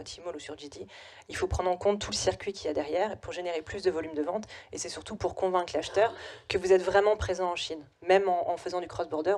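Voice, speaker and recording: Speaking at a business conference, a young adult female CEO presents and then takes questions from the audience. Her pitch is fairly low and slightly mellow, and her delivery is halting, full of "euh" fillers and false starts.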